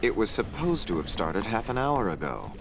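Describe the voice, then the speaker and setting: Deep-voiced deadpan cannibal villager. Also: male voice, moderate pace, creaky, noisy background. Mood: officious. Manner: deadpan, polite, officious, like a tour guide. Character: civil, polite male cannibal islander villager with modern tastes. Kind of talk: scripted comic adventure game dialogue.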